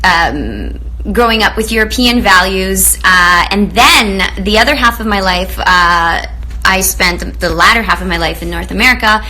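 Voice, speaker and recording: Hosting a live stream, this woman from Romania chats with her audience in a gushing way, welcoming viewers warmly and using plenty of fillers. She speaks at a medium pitch, expressively and unhurriedly, over soft background music, though the audio is poor.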